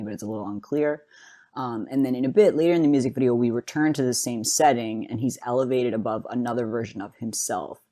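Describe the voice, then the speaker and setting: A podcast host with a mid-range, darkish voice talks casually through a video analysis, conversational and rambling a little as they go.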